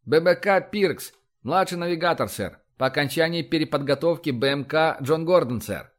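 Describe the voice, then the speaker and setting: A man's voice: on the high side, lively intonation, moderate pace, voice pushed up, lightly acted. A cornered young male officer, as a narrator puts him on, answers in a raised, strained voice. He sounds anxious and formal, snapping from stiff reports to desperate protest. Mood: defensive. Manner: flustered, pleading, breaks into shouting. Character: nervous young male starship officer under interrogation.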